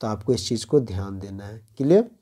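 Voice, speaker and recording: A man from India teaching an exam-prep phonetics lesson, explaining step by step, reading English lines slowly with an Indian accent and checking in by asking "clear?". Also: lowish voice, animated, dark tone.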